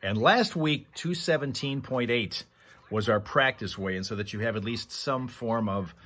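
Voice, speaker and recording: Speaking to his livestream audience, a male host rambles casually in a storytelling, conversational style. His pitch is medium, his tone fairly bright, his speed normal, and clear background noise can be heard.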